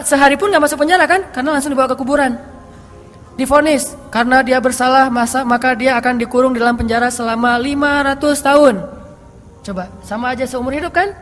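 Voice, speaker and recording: A male preacher giving a relaxed, joking sermon in speech, dropping Arabic phrases and chuckling along the way. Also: very high voice. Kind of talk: casual sermon. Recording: long hall reverb, faint music.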